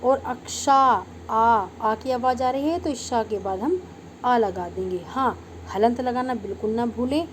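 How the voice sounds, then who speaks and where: A woman's voice: fairly high pitch, a little hiss or hum. An Indian woman teaching a Sanskrit lesson to schoolchildren, calling them beta and patiently sounding out each syllable. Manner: patient, drawn-out syllable-by-syllable pronunciation; addresses pupils as "beta". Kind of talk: online class lecture.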